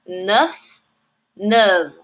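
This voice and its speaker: A woman teaching French adjectives, saying each word slowly and repeating it, then explaining in English. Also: mid-range voice, lively intonation, a bit bright. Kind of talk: slow, clearly enunciated language lesson.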